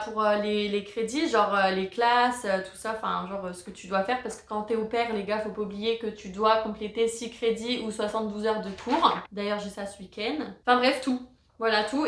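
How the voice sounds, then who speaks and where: A woman's voice: mid-range voice, a bit bright, reverberant. A young woman from France in her twenties telling her story in a chatty, slangy vlog with lots of fillers. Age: 20s. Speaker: vlogger.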